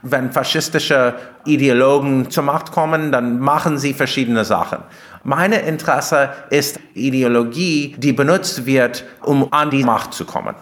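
This interview guest, an American philosopher and author, talks a little slowly in a medium-pitched, slightly bright voice. He explains his ideas in non-native German marked by small grammatical slips.

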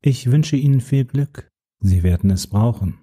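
A man voicing a calm, mysterious woman informant who speaks in a measured, quietly menacing way. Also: medium pitch, slightly rough, pitched above the performer's own voice. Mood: cool, composed.

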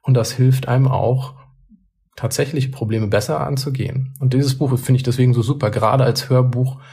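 A man's voice: mid-range voice, fairly even intonation, moderate pace, gravelly, warm tone, breathy edge. A man co-hosting a podcast, talking through his thoughts in a reflective, casual way, often restarting and repeating words. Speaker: podcast co-host.

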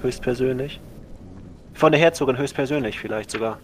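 Mid-pitched man playing tabletop role-play. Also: brisk, a little hiss or hum.

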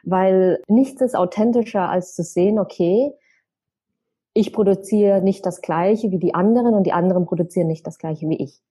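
A woman's voice: mid-range voice, normal speed, dark tone, breathy edge. A woman from Germany, a travel blogger, talking casually about her trips, thinking aloud with fillers and restarts. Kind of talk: casual podcast conversation.

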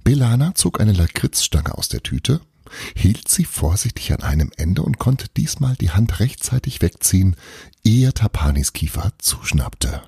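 A man narrating a Christmas audiobook chapter in a lively, playful storytelling manner. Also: on the low side, unhurried, vocal fry, breathy edge, dry recording, studio quality.

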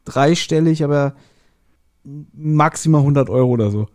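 Recapping an audio drama episode, a man chats casually with his podcast co-host. Slightly high in pitch with a darkish tone, he talks at normal speed.

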